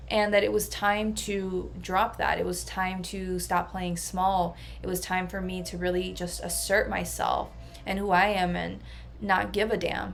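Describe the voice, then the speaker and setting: A woman's voice: medium pitch, vocal fry, slight background noise. A woman personal transformation coach talking through a casual vlog monologue in an earnest, reflective way. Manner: earnest and reflective, level delivery.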